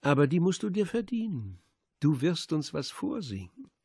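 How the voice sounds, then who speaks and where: A man's voice: fairly high pitch, sing-song, moderate pace, warm tone, husky, no room sound, clean studio sound, voice pushed up, heavily acted. A man voicing a cruel, mocking Czech man who taunts a police inspector, reading it as part of an audiobook. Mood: taunting. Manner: mocking and contemptuous.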